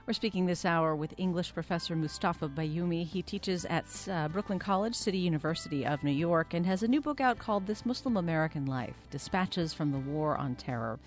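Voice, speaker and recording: A radio talk show host with a measured, composed delivery, introducing a guest and asking questions. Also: female voice, fairly low pitch, expressive, faint music behind. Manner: measured, reads promos smoothly. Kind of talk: public radio interview.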